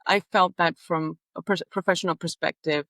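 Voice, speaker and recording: A woman's voice: fairly low pitch, steady tone, moderate pace, fairly bright tone, no room sound. A woman from Greece with a Greek accent, a behavior analyst talking earnestly in an interview, with hesitations and restarts. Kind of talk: casual interview chat.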